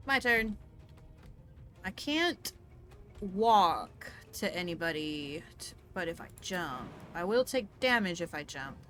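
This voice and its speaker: A woman's voice: lowish voice, sing-song, takes it slowly, a bit bright. A woman casually commenting while she plays a game, explaining the mechanics and breaking into playful outbursts. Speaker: gaming streamer. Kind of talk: casual let's-play commentary.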